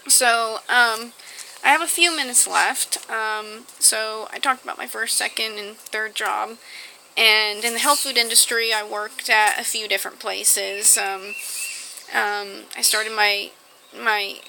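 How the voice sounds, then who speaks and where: A young woman vlogger telling her personal health story to the camera, halting often with fillers and restarts. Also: mid-range voice, gravelly, pushed and bright, a little hiss or hum, rough recording.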